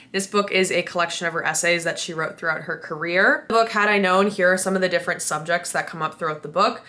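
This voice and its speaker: Young female running vlogger, slightly low-pitched, informal and conversational to camera. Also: pushed and bright. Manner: informal, chatty, mild swearing. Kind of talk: casual chat to camera.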